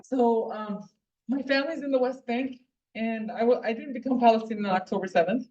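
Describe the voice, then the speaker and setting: A woman's voice: on the high side, a little fast, mellow. Earnest woman speaking from afar. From Puerto Rico. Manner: earnest, heartfelt, with frequent fillers and restarts. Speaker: guest speaker at a political club meeting. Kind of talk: impassioned personal speech. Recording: distant, dull lo-fi room recording.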